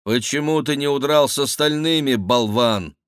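A man's voice: mid-range voice, normal speed, fairly bright tone, smooth, no room sound, clean studio sound, pitched above the performer's own voice, close to an everyday voice. A man voicing an impatient, demanding thin male jester who questions sharply in an audiobook.

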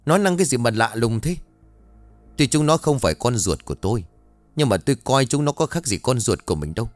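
A man's voice: mid-range voice, animated, brisk, dry recording, soft background music, close to an everyday voice. A man voicing an irritated older village husband who scolds and grumbles at his wife. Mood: scolding.

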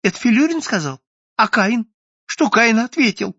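A man's voice: very high-pitched, lively intonation, normal speed, a bit bright, husky, dry recording, dull audio, pitched above the performer's own voice, exaggerated voice. A man voicing a timid, fussy male office clerk who whispers anxious questions nonstop in an audiobook.

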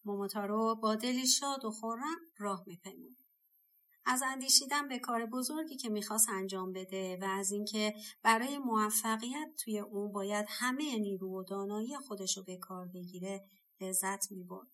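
A woman narrating a folk tale audiobook in a measured, gentle way. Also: mid-range voice. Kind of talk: storybook narration.

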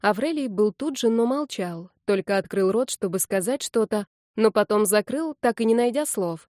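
A woman narrates a first-person fantasy story in a lively, wry way. Her tone is mellow and dark, recorded dry and close with no room sound. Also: medium pitch, normal speed, no echo.

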